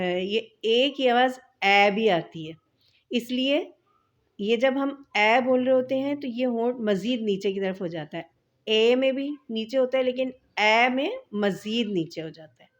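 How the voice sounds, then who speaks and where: A woman teacher giving a recorded lesson, speaking patiently and slowly, sounding out each vowel sound. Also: a little high, darkish tone, highs cut off. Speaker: Urdu teacher.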